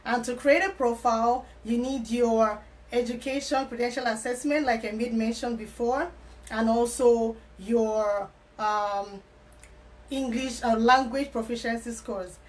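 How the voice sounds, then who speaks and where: A woman's voice: on the high side, fairly even intonation, unhurried. A woman working as an immigration consultant, giving earnest advice to camera, repeating key words with frequent fillers and restarts. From Canada, living in Alberta. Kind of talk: explanatory advice talk to camera.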